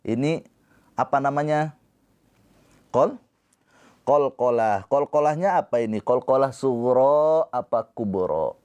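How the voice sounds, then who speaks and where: Slow, patient male Quran teacher. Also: medium pitch, a little mellow, clean tone. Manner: slow, patient explaining, breaks into drawn-out chanted recitation; talks to viewers in the comments. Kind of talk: live-streamed tajwid lesson.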